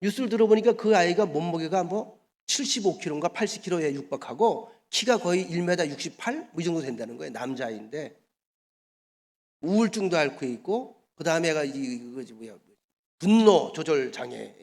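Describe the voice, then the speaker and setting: Man, pastor, high voice, chatty sermon full of questions to the pews, long church reverb. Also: expressive, brisk, darkish tone. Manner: colloquial, rhetorical questions to the congregation. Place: church sanctuary. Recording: echoey church hall.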